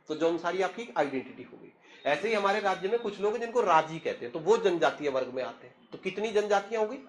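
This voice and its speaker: A young man from Uttarakhand teaching a lesson in a lecturing style, quizzing the class and answering himself. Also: high voice. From Tehri district, Uttarakhand, India. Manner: explanatory, asks the class questions and answers them himself.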